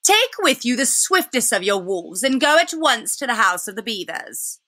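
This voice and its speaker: A woman's voice: a little high, big pitch swings, moderate pace, sharp tone, no echo, clean studio sound, pitched above the performer's own voice, exaggerated voice. A woman reading aloud, voicing a cold, imperious witch queen who gives clipped, cruel orders in a raised voice. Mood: commanding.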